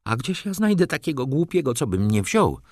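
A man's voice: medium pitch, big pitch swings, brisk, a little mellow, dry recording, clean studio sound, voice pushed up. A man voicing a fretful, tearful elderly aunt who wails and pities herself in an audiobook reading. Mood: lamenting. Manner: wailing, self-pitying.

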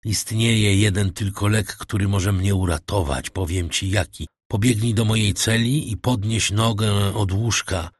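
A man voicing a gravely ill old priest, a prisoner, in a husky, low, strained and pleading voice for an audiobook. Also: steady tone, unhurried, few pauses, no room sound, studio quality. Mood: urgent, weakening. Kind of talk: audiobook character voice.

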